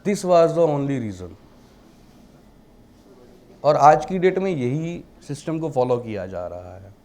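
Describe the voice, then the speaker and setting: Man, teacher, classroom lecture, mellow tone, rhetorical questions. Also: mid-range voice, very animated, slow. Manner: mixes English terms into Hindi, rhetorical questions. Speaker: vastu teacher.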